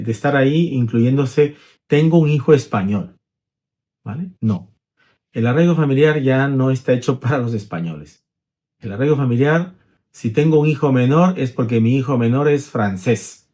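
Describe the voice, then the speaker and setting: A man's voice: mid-range voice, moderate pace, mellow. A middle-aged man, an immigration lawyer, explaining rules conversationally, walking through hypothetical examples and checking in with tag questions.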